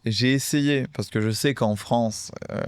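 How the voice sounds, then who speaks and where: A man talking casually on a podcast, with a smooth, resonant voice. He hesitates often and restarts his sentences. The sound is dry, close to the microphone. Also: mid-range voice, unhurried, no room sound. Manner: hesitant, many fillers and restarts. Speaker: podcast co-host, card game player.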